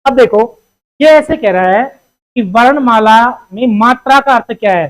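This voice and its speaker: A teacher with an expressive, mid-range voice gives an exam-prep grammar lesson at normal speed, captured on a low-quality recording. The teacher repeatedly asks questions, answers them, and calls the listeners "beta."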